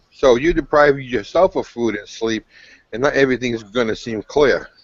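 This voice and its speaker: A man with a Rhode Island accent talks haltingly, with plenty of ums and pauses. His voice is mid-pitched and sounds dry and close. The call audio is dull and lo-fi. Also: huge pitch swings, breathy edge, no room sound. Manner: hesitant, halting, with many ums. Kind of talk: casual chat. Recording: dull, lo-fi voice chat.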